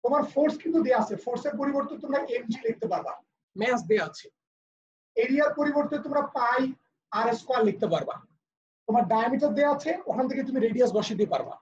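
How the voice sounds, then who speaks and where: Expressive and rapid-fire, a man with a very high-pitched voice and a Bangladeshi accent teaches physics in a live online class. He still explains patiently step by step, switching to English for terms. The audio comes through as muffled, lo-fi video call sound.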